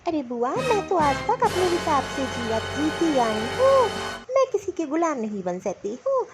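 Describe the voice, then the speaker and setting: A woman voicing a defiant, sharp-tongued young daughter in a cartoon, speaking scornfully. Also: sits high, sing-song, normal speed, over music. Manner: scornful, complaining. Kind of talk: Hindi cartoon voice acting.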